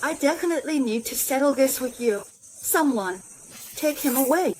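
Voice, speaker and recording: A woman's voice: high-pitched, expressive, moderate pace, darkish tone, a little hiss or hum, low-quality recording. A woman playing a spoiled young woman who scornfully bosses people around in a dubbed drama. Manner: haughty, commanding. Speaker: arrogant young woman, a boss's daughter.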